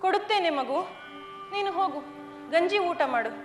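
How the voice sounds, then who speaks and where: A woman's voice: very high voice, animated, moderate pace. A woman playing a tender, poor mother. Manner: tender, soothing, sorrowful. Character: poor, loving mother of a boy. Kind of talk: stage play acting. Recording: echoey hall with music.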